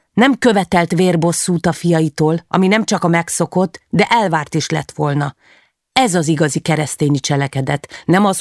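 Creaky-voiced woman reading a novel. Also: lowish voice, dry recording, studio quality. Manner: calm, measured storytelling with short clipped sentences. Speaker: audiobook reader. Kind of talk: first-person novel reading.

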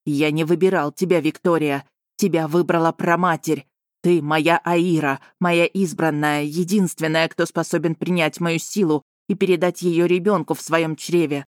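Audiobook: woman reading a cold, possessive dragon lord, menacing and hissing, lowish voice. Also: fairly even intonation, normal speed, no echo, clean studio sound, close to an everyday voice.

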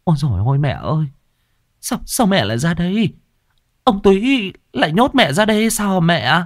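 A man voicing a desperate middle-aged village wife, crying out in shrill pleading scolds. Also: big pitch swings, normal speed, no room sound, clean studio sound. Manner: shrill wailing cries, scolding.

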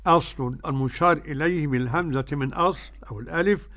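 An older man with an Egyptian Arabic accent teaching Quran readings, explaining the rules quickly and reciting verses slowly and drawn out. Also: a little high, fairly bright tone.

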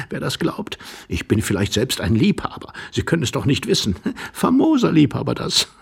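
A man voicing an agitated, mocking young man hiding under a bed, talking urgently and often in a hushed voice. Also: mid-range voice, very animated, normal speed, slightly rough, heavily acted.

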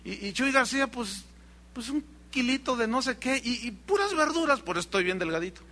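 A middle-aged male pastor with a Mexican Spanish accent preaches a sermon in a very high-pitched, sharp, expressive voice, speaking a little fast. He tells a story, acting out its dialogue and addressing his congregation directly.

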